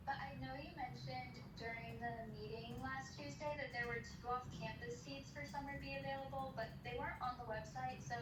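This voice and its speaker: Young woman on a car speakerphone call. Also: sits high. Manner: hesitant, many fillers. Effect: heard over a phone call on speakerphone while driving. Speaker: student applicant being interviewed. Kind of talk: casual interview answers. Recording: far-off, echoey, noisy phone call.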